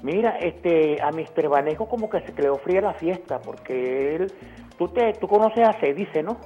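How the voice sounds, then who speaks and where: A woman's voice: low voice, animated, moderate pace, soft background music. A woman calling in to a radio show with her phone held away, so she sounds faint. She talks indignantly and stumbles over words. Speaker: radio call-in caller. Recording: dull, faint phone line.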